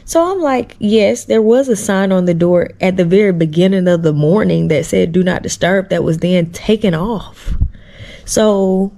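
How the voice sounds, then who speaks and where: A woman's voice: mid-range voice, normal speed, vocal fry, mellow. A woman vlogger telling a story casually and with animation, exasperated and slangy, talking straight to her viewers.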